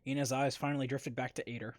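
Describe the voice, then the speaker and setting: A man's voice: mid-range voice, little pitch movement, fast talker, no room sound, studio quality. Man reading a visual novel aloud. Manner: wry narration with asides. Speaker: streamer narrating a game.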